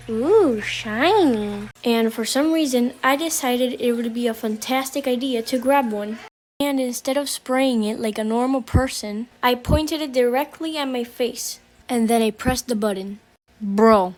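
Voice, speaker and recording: A young woman narrates funny childhood mishaps in a slightly high voice. She is animated and self-mocking, and she acts out the quoted lines as she goes. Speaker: storytelling animator. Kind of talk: comedic storytime narration.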